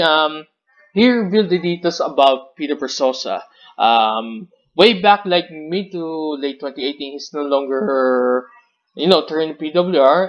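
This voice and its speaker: A man with a Filipino accent hosting a casual podcast chat, switching between English and Tagalog mid-sentence. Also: on the high side. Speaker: podcast host. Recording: dull lo-fi sound.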